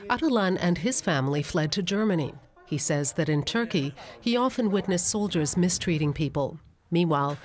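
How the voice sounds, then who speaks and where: A documentary narrator reading a calm, even, scripted narration. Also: mid-range voice. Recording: narration over music and crowd noise.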